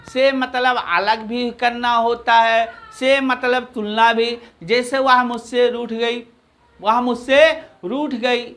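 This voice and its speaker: A man with a Hindi accent teaching an English grammar lesson, repeating phrases slowly and answering his own questions. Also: extremely high pitch, a bit bright.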